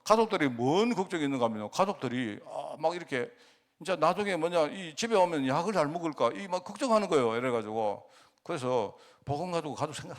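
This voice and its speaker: A male pastor in middle age, speaking with a Gyeongsang Korean accent, tells a story during a sermon. His voice sits fairly high and moves a lot, and he keeps throwing rhetorical questions at the congregation.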